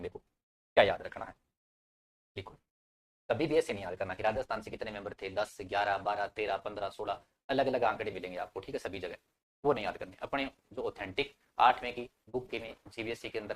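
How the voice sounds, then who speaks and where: A man's voice: lowish voice, fast. A young man teaching a live online exam-prep class, repeating key points and quizzing his students. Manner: repetitive drilling, quizzing students.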